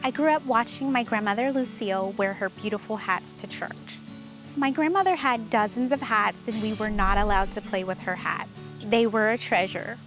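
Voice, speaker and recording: A hat maker telling her story in an interview, reflective and warm. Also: medium pitch, moderate pace. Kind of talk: interview recollection. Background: background music.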